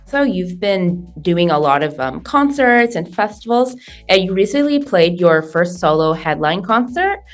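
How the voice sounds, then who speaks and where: A woman with a fairly low voice conducts the interview. She phrases her questions in a measured way, with small hesitations. Faint music sits underneath. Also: sing-song. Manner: measured, with "um" pauses.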